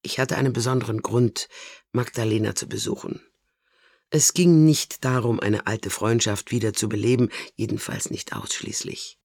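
A fragile, withdrawn middle-aged woman with a soft, hesitant way of speaking, voiced by a man reading a novel aloud. Her quiet lines keep a gravelly texture. The sound is close and dry. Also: lowish voice, normal speed, dry recording. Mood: subdued.

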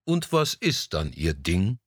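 Male reader doing an older gallery owner, vain, gruff, grumbling, condescending, animated pitch. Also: normal speed, no room sound, studio quality. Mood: testy. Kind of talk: audiobook dialogue.

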